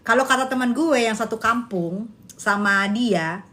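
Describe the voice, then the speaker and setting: Gossip vlogger, woman, bright high voice, laughs a lot. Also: a little slow. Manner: laughs often, lots of exclamations; uses Jakarta slang. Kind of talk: casual gossip chat reacting to viewers.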